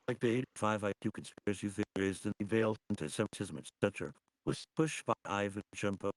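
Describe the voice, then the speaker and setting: A man talking on a livestream through a voice changer, halting and full of fillers and restarts. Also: low voice, no room sound, low-quality recording. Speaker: livestream host. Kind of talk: casual livestream commentary. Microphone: computer mic on a livestream.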